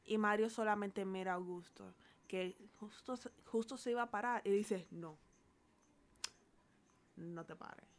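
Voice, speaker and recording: A woman's voice: mid-range voice, fairly even intonation, moderate pace. A woman co-hosting a podcast, telling an improvised comic story in a casual, giggly way.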